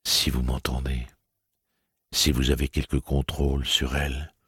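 A stern, weary gunslinger speaks slowly and softly in a very deep, gravelly voice, as a man reads him. Each word is measured and cold, with a husky edge. The recording is dry and close. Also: dry recording, heavily acted. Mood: velvety calm. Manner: slow, low, velvety and measured.

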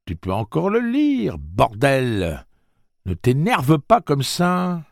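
A man's voice: medium pitch, huge pitch swings, slow pace, vocal fry, a little mellow, no echo, clean studio sound, pitched above the performer's own voice, exaggerated voice. A man reading an audiobook voicing a smug teenage bully who teases in a sing-song, mocking way. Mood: mock-hurt.

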